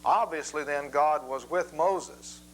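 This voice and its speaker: A man gives a Bible lesson in a measured, methodical lecture, reading scripture aloud. His voice sits a little high for a man. A faint hum runs under the recording. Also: low-quality recording. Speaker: Bible teacher.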